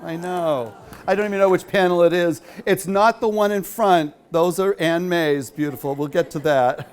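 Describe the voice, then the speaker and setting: In a hall hosting a quilt show, a featured male speaker with a high-sitting voice talks at a moderate pace. He rambles in a chatty way, uses many fillers, and takes audience questions.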